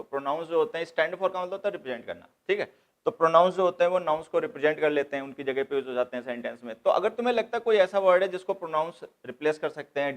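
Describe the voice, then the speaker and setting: A man teaching English grammar to exam students, explaining step by step and repeating key points. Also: fairly high pitch. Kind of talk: classroom lecture.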